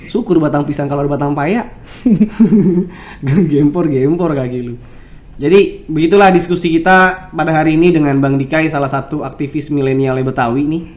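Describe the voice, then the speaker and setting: A man's voice: a little high, moderate pace, darkish tone. A man from Java hosting a casual chat interview, joking in slangy talk and laughing often. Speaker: host.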